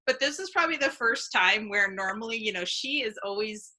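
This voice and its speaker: A woman's voice: on the high side, animated, fairly quick, sharp tone. A woman hosting a casual live interview, chatty and friendly, laughing often. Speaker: host.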